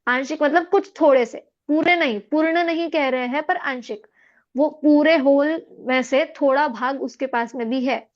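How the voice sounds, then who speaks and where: A woman's voice: sits high, moderate pace. A woman teaching a scripture class, patiently explaining and checking in with her students. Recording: dull lo-fi audio.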